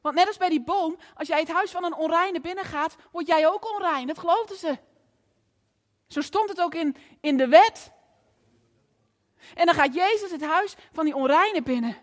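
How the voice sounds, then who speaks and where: A woman preacher delivering a lively storytelling sermon in a church, often asking the audience questions. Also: very high-pitched, moderate pace, long reverb tail.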